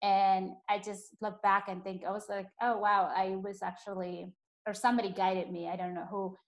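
A young woman who grew up speaking Spanish hosts a casual podcast conversation, chatting away with lots of fillers. Her medium-pitched voice barely moves in pitch and keeps a normal speed.

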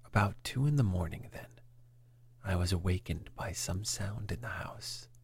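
A man reading a classic story aloud in a breathy, calm whisper. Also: sits low, normal speed, slight background noise. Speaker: reader.

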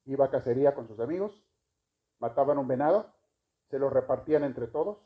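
A man's voice: mid-range voice, brisk. A man giving a homily at Mass, chatty and joking, asking the congregation questions. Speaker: priest. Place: church. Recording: dull lo-fi recording.

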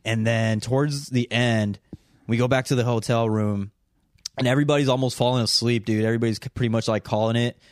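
A man's voice: mid-range voice, brisk, dry recording, studio quality. Profane young man from Southern California. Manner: profane, laughing, animated storyteller. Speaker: podcast co-host. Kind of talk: casual storytelling chat.

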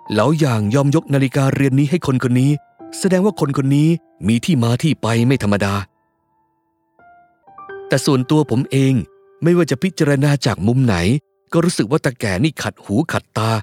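Lively male audiobook narrator. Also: medium pitch, normal speed, soft background music. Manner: lively, expressive storytelling. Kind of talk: first-person novel narration.

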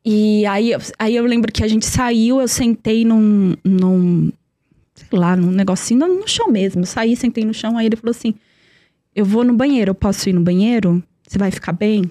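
A woman's voice: mid-range voice, normal speed, dark tone, dry recording, studio quality. A young woman telling a personal story in earnest, repeating words for emphasis. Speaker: guest.

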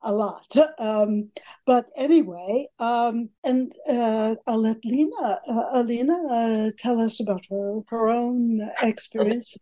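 An older woman historian speaking in a measured, hesitant way during an interview. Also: fairly high pitch, dark tone. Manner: slow, measured, dry hesitations. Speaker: historian, co-author. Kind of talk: conversational interview.

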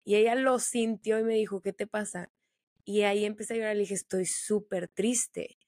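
A woman's voice: medium pitch, little pitch movement, a little mellow, no echo, studio quality. A young woman hosting a podcast, chatting casually with slang. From Monterrey, Mexico. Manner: chatty, slangy, quick storytelling. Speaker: podcast host.

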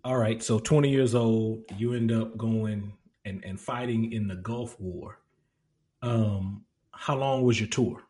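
A male host asks calm, measured questions and keeps his replies to short acknowledgments. His voice sits low. He speaks evenly and without hurry. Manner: calm, brief affirmations and steady questions. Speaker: interviewer, host. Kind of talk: interview questions.

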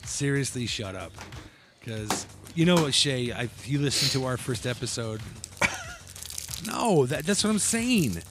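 A man's voice: mid-range voice, wildly swooping pitch, a little slow, noisy background. A man co-hosting a casual podcast, telling a family story and acting out the quotes with laughs. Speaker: podcast co-host.

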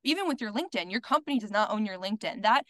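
A woman's voice: mid-range voice, animated, very fast, fairly bright tone, dry recording. A woman guest on a podcast, talking candidly and outspokenly in casual conversation, peppered with "like" and the odd swear word. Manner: filler-heavy with many "like"s. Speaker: podcast guest, content creator.

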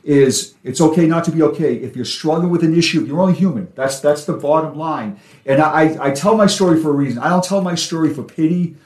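A man's voice: a little high, fast talker, darkish tone. A man speaking as an interview guest in an earnest, conversational way, plain-spoken and repeating words for emphasis. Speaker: guest, advocate for officer mental health and peer support. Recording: echoey room.

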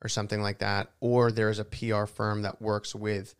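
A man's voice: lowish voice, level tone, moderate pace, smooth. A young man co-hosting a podcast, chatting casually and easygoingly about his work. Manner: easygoing, quotes shouting photographers in loud raised voice. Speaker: podcast co-host. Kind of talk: casual chat.

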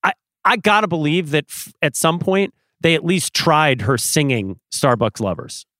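A man co-hosting a podcast, chatting about music in a relaxed, conversational way with quick asides. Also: a little high, no echo, clean studio sound. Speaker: podcast co-host. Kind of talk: casual music discussion.

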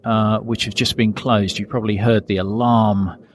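A man giving on-site commentary inside a huge concrete hangar, his voice ringing with big hall echo, talking in a relaxed way with ums and uhs. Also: fairly low pitch, normal speed, slight background noise. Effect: big hall echo from a cavernous hangar. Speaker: tour narrator. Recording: echoey hangar, slightly off mic.

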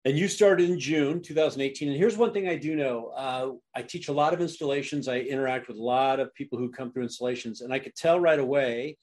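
A man's voice: medium pitch, fast talker, few pauses, darkish tone. A man hosting a podcast interview, enthusiastic and full of uhs as he talks. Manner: enthusiastic, filler-heavy with many uhs. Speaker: podcast host. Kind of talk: casual interview.

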